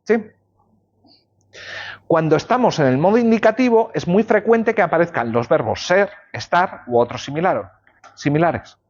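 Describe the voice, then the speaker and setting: A man's voice: a little high, lively intonation, moderate pace, long pauses. A male law lecturer giving a university class, explaining ideas with everyday examples and checking in with students. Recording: dull lo-fi classroom recording.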